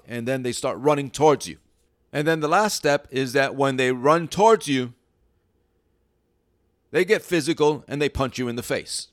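A man's voice: a little high, no echo. Dry-sounding man explaining dog behavior. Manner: conversational, teaches through stories, frequent restarts. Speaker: dog trainer. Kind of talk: informal teaching talk.

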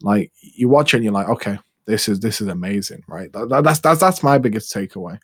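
A man's voice: on the low side, lively intonation, brisk, a bit bright, husky, dry recording, studio quality. A young man co-hosting a casual podcast, speaking earnestly and addressing the listeners directly. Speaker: podcast co-host.

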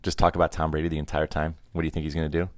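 A man's voice: extremely low pitch, completely flat delivery, racing. A man, middle-aged, chatting casually and teasingly about sports as a podcast co-host, unscripted. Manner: teasing, bantering. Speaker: podcast co-host, father of the other host. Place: home basement.

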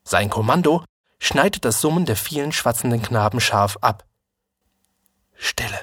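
A man reading a literary story aloud in a calm, measured manner. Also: mid-range voice, husky, no echo, studio quality. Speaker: narrator.

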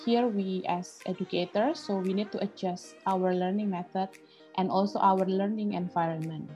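A woman speaks over a video call, presenting slides to an online audience. Her voice sits in a middle pitch, and she walks through each point plainly, opening most sentences with "so". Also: fairly even intonation, normal speed, mellow, soft background music. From Indonesia. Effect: heard over a video call. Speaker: learning coach presenting at an online event.

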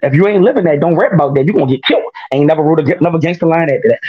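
This time the rapper sounds higher and speaks in a rapid-fire rush, again with the top end of the audio clipped. Recounting his life in a casual interview, he keeps cracking up and poking fun at himself with plenty of energy.

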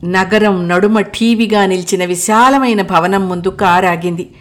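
A woman narrates a first-person story, reading with expressive warmth and careful phrasing. Her voice sits in a middle pitch range for a woman. This is steady audiobook storytelling. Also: unhurried.

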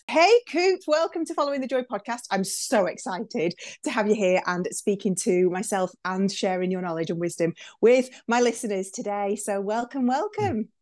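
A woman's voice: mid-range voice, darkish tone, dry recording, clean studio sound. A woman hosting a podcast, talking in an enthusiastic, chatty way with lots of fillers. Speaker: podcast host. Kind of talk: podcast intro and interview.

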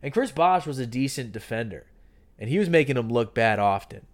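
A man's voice: medium pitch, expressive, a little fast. Opinionated man in casual sports talk. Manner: conversational, opinionated, frequent restarts. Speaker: podcast host.

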